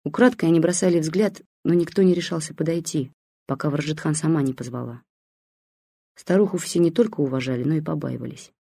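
Audiobook reader, calm first person story, husky dark tone, dry close mic. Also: mid-range voice, brisk, no room sound. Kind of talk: literary first-person narration.

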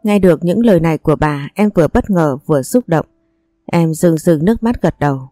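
A woman narrates a first-person story in a low, mellow voice, reading every character's lines herself. The recording is dry and close, with soft music playing faintly underneath. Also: animated, a little fast, dry recording. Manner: reads every character's lines in her own voice.

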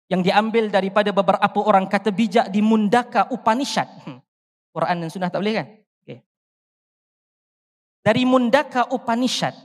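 A panel speaker recites a poem in a declamatory way, then gives closing remarks. Each rhetorical line rises and falls at a middle pitch. The voice rings with the long reverb of a large convention hall. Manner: declamatory, rhetorical rise and fall.

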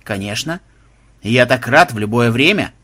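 A man's voice: mid-range voice, animated, moderate pace, a bit bright, voice pushed down. A man voicing a shy, evasive middle-aged male craftsman who talks meekly. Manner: meek, evasive.

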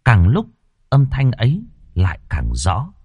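A man narrating a ghost story in a dramatic, expressive reading style. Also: medium pitch, a little slow, husky, lo-fi sound.

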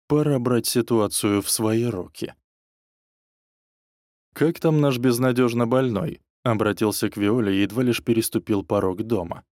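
A man's voice: lowish voice, a little mellow, no echo, clean studio sound. A man reading a first-person novel aloud as audiobook narration, with an irritated, sardonic edge.

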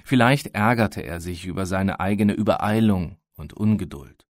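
A man reading a classic story aloud in a measured, calm studio narration. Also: low-pitched, no echo. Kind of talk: scripted literary narration.

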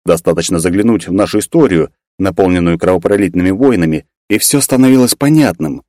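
A man narrating a first-person fiction audiobook, musing aloud and breaking into excited exclamations. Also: sits low, fairly quick, no room sound, studio quality.

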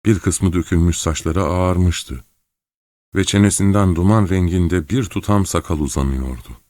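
A man reading a novel aloud as an audiobook narrator, steady and measured. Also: sits low, no echo. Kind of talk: scripted narration.

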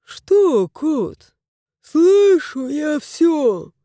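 A woman voicing a lazy, smug, spoiled male house cat in a storybook, drawling slowly. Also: sits high, sing-song, mellow, dry recording, studio quality, pitched above the performer's own voice, full character voice.

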